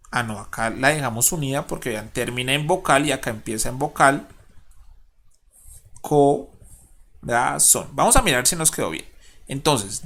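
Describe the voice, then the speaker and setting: A male teacher with a Colombian accent records a lesson for his class at his computer. His voice sits a little high for a man. He talks patiently, stops to ask questions and counts syllables out loud. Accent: Colombian Spanish. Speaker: schoolteacher.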